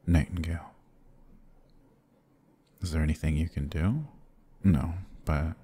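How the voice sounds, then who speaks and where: In an intimate ASMR roleplay, a man voices a brooding, protective, courteous vampire lord, fully committed to the character. His very deep voice is husky and halting, and he speaks gently and formally.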